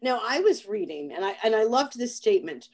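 Expressive woman hosting an interview. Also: a little high, a little fast. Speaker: interview host. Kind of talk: casual interview.

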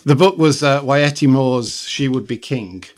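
A man's voice: mid-range voice, unhurried, a crowd in the background. A man around sixty, born in Liberia, reading a short story to a writing group and chatting hesitantly. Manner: hesitant, repeats words when unsure. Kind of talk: reading aloud and casual chat.

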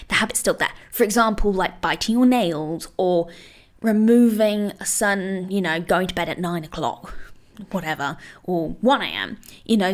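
A woman dog trainer giving casual, encouraging advice, talking loosely with many "you know" and "like" fillers. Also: medium pitch. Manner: reassuring, encouraging.

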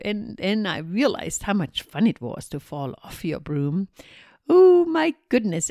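Woman doing a giddy ancient witch, high squealing voice, very lively, slow, dry close sound. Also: no room sound. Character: scatterbrained ancient female witch, cheerful.

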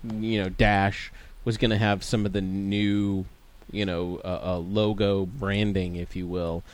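A man's voice: on the low side, flat delivery, unhurried. A man chatting casually as a podcast host, his speech slightly slurred by a swollen tongue. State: swollen tongue, as after the dentist. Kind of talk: casual chat.

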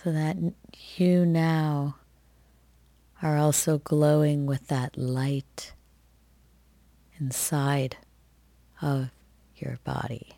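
A woman leading a guided meditation as its guide, speaking softly and soothingly with long pauses between phrases. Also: low voice, flat delivery, gravelly, no echo. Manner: soft, gentle, soothing delivery with long pauses.

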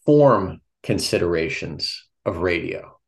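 Low-voiced man thinking aloud. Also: animated, gravelly. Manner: halting, restarts often while thinking aloud. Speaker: podcast co-host. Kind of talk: casual philosophy discussion.

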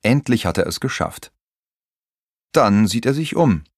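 A man narrating a children's audiobook in an expressive storytelling manner. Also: on the low side, unhurried, breathy edge, no echo, clean studio sound.

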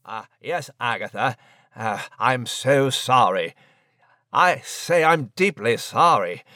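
An actor playing a stammering, polite gentleman mouse. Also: mid-range voice, expressive, takes it slowly, dry recording, clean studio sound. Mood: flustered. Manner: stammering, old-fashioned and polite. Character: fussy English gentleman mouse.

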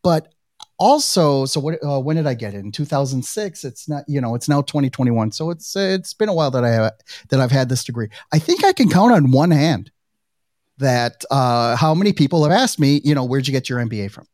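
A man's voice: mid-range voice, very animated, a little fast, darkish tone, no room sound, studio quality. Casual middle-aged male podcast host. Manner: casual, many fillers like "you know" and "right". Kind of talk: conversational interview.

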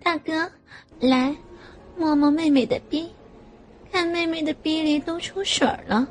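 A woman's voice: sits high, a little slow, soft background music, voice pushed up. A woman voicing a playful young adult younger sister with a coy, whiny teasing tone.

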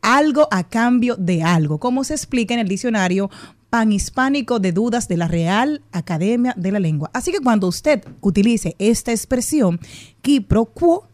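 A woman's voice: a little high, lively intonation, moderate pace, a little mellow. Chatty woman explaining words. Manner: chatty, explains patiently, laughs easily. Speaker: co-host giving language segment. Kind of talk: radio talk show explainer.

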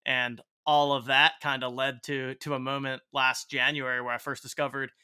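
Male podcast guest, bright smooth voice, casual and slightly stumbling delivery. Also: mid-range voice, level tone. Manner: halting, repeats words while thinking. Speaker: podcast guest, startup co-founder. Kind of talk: casual interview chat.

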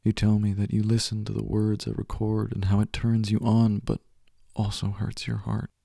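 A man giving soft, hushed, tender second-person roleplay narration, often dropping to a whisper. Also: fairly low pitch, monotone, moderate pace, creaky, no room sound, clean studio sound. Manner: tender and reassuring. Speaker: audio roleplay performer.

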